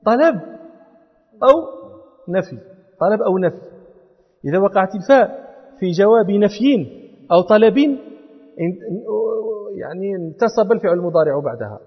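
A man's voice: high-pitched, expressive, normal speed, pauses often, husky. A man teaching a class on religious law and grammar, explaining step by step and quizzing his students. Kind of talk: classroom lecture. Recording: lo-fi recording in a reverberant hall.

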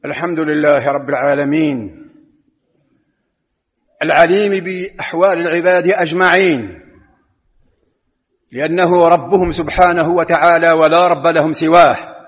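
A man with a Moroccan accent delivering a Friday sermon in a mosque, measured and emphatic, rising in pitch to stress points. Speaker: preacher. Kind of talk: Friday sermon with religious rulings. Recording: long reverb of a large hall.

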